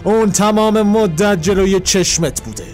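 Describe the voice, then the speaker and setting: A man's voice: high-pitched, expressive, a little mellow, soft background music. A man voicing a bitter young man who poses as a lost sidekick and taunts his old mentor in a comic retelling. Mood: accusing. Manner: accusing, taunting.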